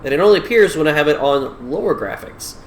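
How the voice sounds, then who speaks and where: Roomy, lively-pitched male gamer. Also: fast, slight background noise. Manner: muttering, thinking aloud. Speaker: gamer playing and commenting. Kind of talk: casual gameplay commentary. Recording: roomy echo, game music behind. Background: video game music.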